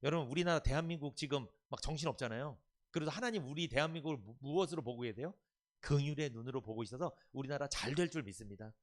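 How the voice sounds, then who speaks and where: A man's voice: medium pitch, fast talker. A male pastor giving an emphatic sermon, often putting questions to the congregation and having them repeat phrases. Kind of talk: Sunday afternoon sermon.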